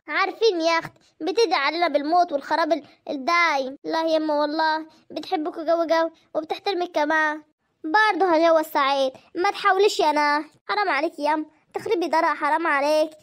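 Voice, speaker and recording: A speaker with an Egyptian accent who performs every role of a family drama series, trading quick, bickering household dialogue. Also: very high-pitched. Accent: Egyptian Arabic.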